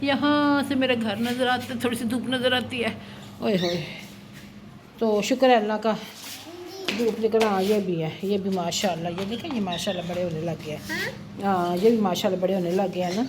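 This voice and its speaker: A woman's voice: medium pitch, moderate pace, noisy background. A middle-aged woman chatting through a casual home vlog in her kitchen, her voice a little heavy from a sore throat. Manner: chatty, homely, with frequent religious phrases. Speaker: cooking and home vlogger.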